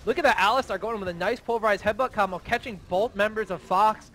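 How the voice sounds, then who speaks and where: A high-pitched male caster calls a competitive video game match. He breaks down the teams' strategy in a steady, analytical way, with a clear, upper-register voice. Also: fast, a little hiss or hum. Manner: steady analytical play-calling. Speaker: esports caster. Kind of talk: play-by-play commentary.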